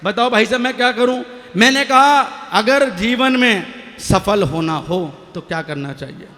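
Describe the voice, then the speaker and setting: A man's voice: high-pitched, a little slow, bright, forceful tone, in a large hall. A man reciting comic poetry on stage at a live poetry event, telling jokey stories and bantering with the audience through a stage microphone. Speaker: stage poet.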